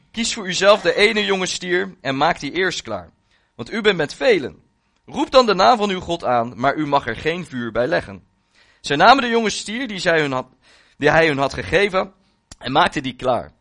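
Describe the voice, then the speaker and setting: A man's voice: a little high, sing-song, moderate pace, a bit bright. A male preacher reading a long scripture passage aloud as part of his sermon, solemn and with rising emphasis.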